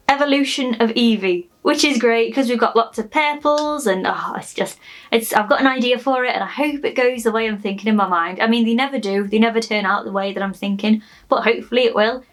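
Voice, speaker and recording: A woman hosting a clay sculpting channel, talking through a tutorial in a chatty, rambling way, her voice stuffy from a lingering chest infection. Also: fairly high pitch. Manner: chatty and rambling, with frequent asides. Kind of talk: casual tutorial talk.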